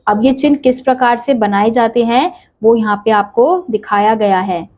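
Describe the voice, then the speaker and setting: A woman's voice: a little high, moderate pace, muffled recording. A woman teacher giving a classroom lesson, patiently explaining step by step and asking questions she then answers herself.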